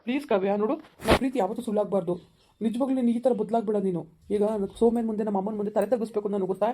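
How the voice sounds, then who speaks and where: A woman's voice: mid-range voice, fairly even intonation, rapid-fire, background noise, lightly acted. Woman playing a pleading young man who lost his job. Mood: imploring. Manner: pleading, stammering. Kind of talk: village skit acting.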